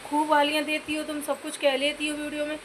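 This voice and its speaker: Speaking quickly in a monotone, a woman vlogger from Uttar Pradesh with a high, fairly bright voice scolds viewers in a YouTube commentary rant to camera. She repeatedly calls them "bhai" and earnestly pleads for comments, with a little hiss or hum in the recording.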